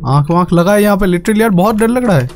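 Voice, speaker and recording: A man's voice: high voice, lively intonation, quick pace. Young man, jokey, scared gaming commentary. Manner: jokey, easily scared, pleading with the game. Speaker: gaming YouTuber. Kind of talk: casual horror game commentary.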